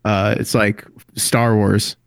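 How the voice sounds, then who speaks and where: A man on a casual podcast, deadpan and hesitant, stalling with fillers while he plays along with a robot joke. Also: on the low side, slow pace, vocal fry, clean tone, no echo, studio quality. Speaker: podcast co-host playing a robot bit.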